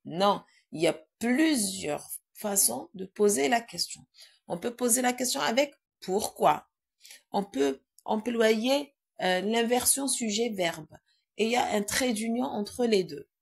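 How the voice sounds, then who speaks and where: Woman teacher in a classroom, kinda husky and gravelly, fairly high voice, keeps quizzing the kids. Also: animated, measured pace. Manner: asks pupils questions and repeats the answers. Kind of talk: grammar lesson for pupils.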